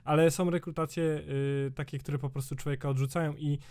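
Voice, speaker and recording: A young man in his twenties talks in a rambling, sweary vlog rant. His voice sits a bit higher than most men's but has a dark, mellow colour. A sore throat leaves it slightly hoarse. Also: fairly even intonation, fairly quick. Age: 20s. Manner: rambling, sweary, exasperated, many fillers. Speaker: YouTuber.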